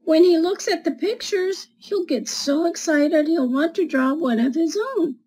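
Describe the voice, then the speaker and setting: A seventy-something woman reads a children's picture book aloud, carefully explaining the pictures and asking young listeners gentle questions as a storyteller for schoolchildren. Her voice is very high. The audio is poor, captured by a desk-distance webcam in a small home room with bookshelves.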